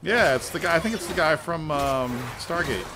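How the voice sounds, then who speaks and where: A man's voice: on the high side, expressive, moderate pace, music in the background. A man hosting a podcast, chatting casually about a game as it plays, swearing and laughing often. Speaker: podcast host. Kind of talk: casual chat over gameplay.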